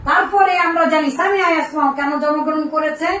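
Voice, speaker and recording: Quickly paced and fairly bright, a high-pitched woman quizzes her students during an Arabic grammar lesson and keeps repeating the key terms. The classroom recording is echoey and faintly noisy, captured from a distant mic.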